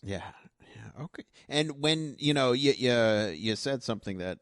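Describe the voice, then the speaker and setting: A man's voice: mid-range voice, animated, measured pace, no echo, studio quality. A man hosting a podcast, asking long, rambling questions and laughing along with his guest. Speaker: podcast host. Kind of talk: podcast interview.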